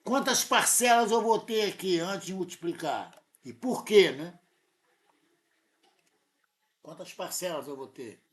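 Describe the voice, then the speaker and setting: A math teacher with a Brazilian Portuguese accent tutors a student in a live lesson, insistent and correcting them often. His voice is high-pitched, and he speaks at a measured pace with frequent pauses.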